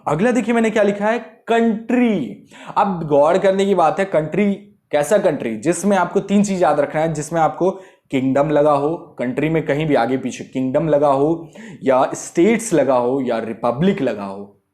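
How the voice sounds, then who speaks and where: A young man teaching English grammar to students, lively and repetitive, often checking whether they understood. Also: fairly high pitch, normal speed. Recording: echoey room.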